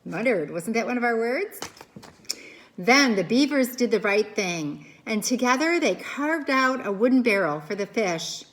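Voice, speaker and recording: Her voice on the high side, a woman narrates a children's book like a classroom teacher, with expressive delivery, dramatic pauses and questions for kids, captured in a rough recording.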